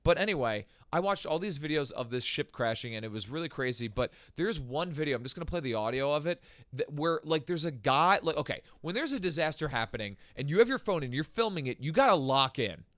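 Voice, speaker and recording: A man in his thirties from Long Island, co-hosting a comedy podcast with animated, ranting chatter that keeps asking "okay?". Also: a little high, fairly quick, dry recording. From Long Island, New York. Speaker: podcast co-host. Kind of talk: casual comedic chat.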